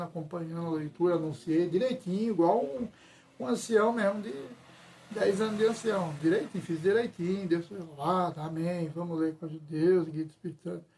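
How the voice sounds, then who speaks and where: A man's voice: high voice, dark tone. A man telling a church testimony, retelling it emphatically with lots of repetition. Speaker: church member giving testimony. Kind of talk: testimony storytelling.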